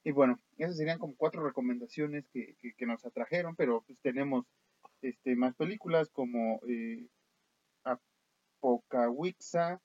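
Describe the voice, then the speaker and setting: A man's voice: mid-range voice, moderate pace, no room sound. Mexican guy cohosting a horror movie podcast, rambling through film lists, muffled dry audio. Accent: Mexican Spanish. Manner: listing titles with fillers and laughs. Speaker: podcast co-host. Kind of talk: casual chat about horror films.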